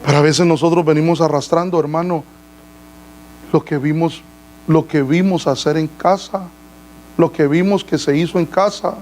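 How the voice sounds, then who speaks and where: High-voiced man preaching a sermon. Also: steady tone, moderate pace, darkish tone, a little hiss or hum, low-quality recording. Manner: preaching with questions to the congregation; addresses listeners as brother. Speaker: pastor. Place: church.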